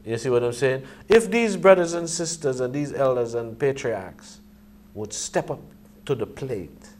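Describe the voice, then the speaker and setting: A middle-aged man reasoning casually in Rasta speech, emphatic and halting, often posing rhetorical questions. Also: mid-range voice, animated, a little mellow.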